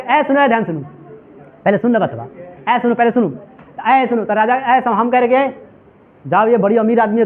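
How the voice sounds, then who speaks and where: A male English teacher giving a classroom lecture, asking his students question after question and calling them "my children". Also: high voice. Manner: repetitive call-and-response questioning. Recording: tinny phone-like audio.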